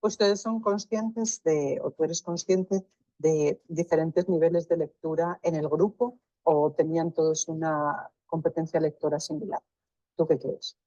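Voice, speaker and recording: A woman interviewing a student, asking long, carefully rephrased questions in a measured way. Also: deep voice, steady tone, dark tone, no echo, highs cut off. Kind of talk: research interview.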